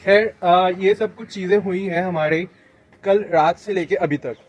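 A man's voice: high-pitched, measured pace, soft background music. A young man from Pakistan with an Urdu accent, talking casually to a handheld camera on a rooftop outdoors. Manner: relaxed, explaining plans to camera. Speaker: vlogger. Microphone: handheld phone selfie camera.

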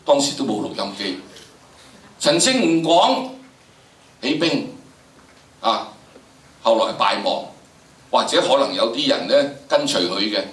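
An older history and drama teacher with a Hong Kong Cantonese accent lectures students emphatically in a large indoor lecture theatre, drawing out phrases and posing rhetorical questions. His mid-range, fairly bright voice is very animated, with a measured pace and long pauses. The echoey hall recording picks him up from a distance.

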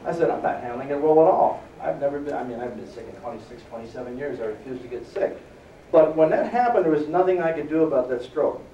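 A middle-aged man gives a motivational fitness seminar to a live audience. He is energetic and keeps checking in with the crowd. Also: a little high, quick pace, dull audio, slight background noise. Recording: echoey room, distant mic.

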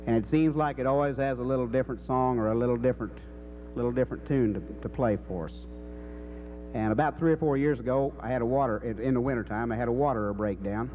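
Middle-aged male cowboy poet, warm folksy drawl for live recitation, faint hum on the recording. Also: medium pitch, fast talker, poor audio. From Kansas. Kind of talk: live cowboy poetry recitation with spoken introduction. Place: dark indoor stage. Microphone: stage microphone on a stand.

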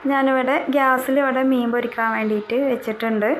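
A woman's voice: on the high side, fairly even intonation, a little fast, slight background noise, poor audio. A young woman, narrating her household chores in a casual, chatty voice-over and often tagging a word onto the end of her sentences. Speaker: vlogger.

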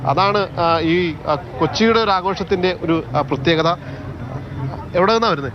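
High-voiced Kerala man reporting live outdoors. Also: unhurried, crowd noise. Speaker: TV field reporter. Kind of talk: live news report and street interviews. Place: outdoors at a festival ground. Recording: dull outdoor audio, loud street noise.

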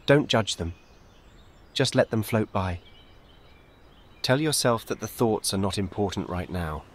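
A man narrates a scripted guided meditation, calm and measured, giving short, gentle, soothing instructions. His pitch is fairly low.

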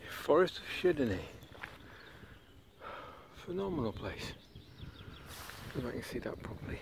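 Middle-aged vlogger, mid-pitched, chatty and keen, narrating a walk in the woods over faint birdsong and open-air ambience. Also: male voice, big pitch swings, moderate pace, vocal fry, background noise. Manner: enthusiastic, rambling, points things out on a walk. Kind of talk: casual outdoor narration. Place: forest, outdoors. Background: birdsong and forest ambience.

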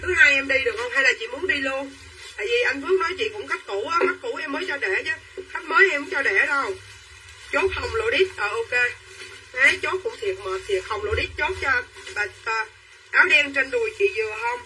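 A young woman selling clothes on a livestream, talking quickly and pushing viewers to claim items. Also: high voice, expressive, far from the mic, noisy background. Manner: quick and pushy, urging buyers to claim items. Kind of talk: live-selling chatter to viewers.

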